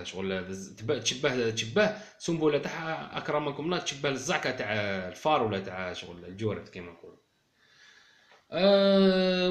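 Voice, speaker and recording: Fast-talking Algerian man in an echoey room. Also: mid-range voice. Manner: explanatory, addresses viewers directly and informally. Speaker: bird keeper. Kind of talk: casual explanatory video.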